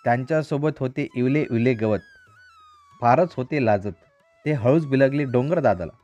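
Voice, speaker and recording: A man reading a children's story aloud in a calm, rhythmic storyteller manner. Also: medium pitch, normal speed, faint music behind. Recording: dry, slightly dull recording.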